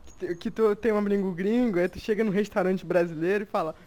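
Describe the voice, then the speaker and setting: A young adult with a Brazilian Portuguese accent chatting casually in slang, telling stories in an animated way and acting out quotes. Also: medium pitch, fast talker. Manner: animated storyteller, acts out quotes.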